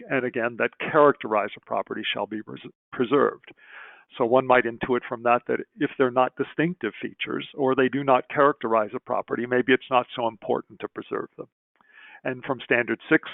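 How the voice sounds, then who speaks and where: A man giving a remote lecture over slides at a conference, measured and thinking aloud with frequent pauses. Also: medium pitch, vocal fry, no room sound. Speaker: presenter at a conference on historic building standards. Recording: dry, phone-like remote audio.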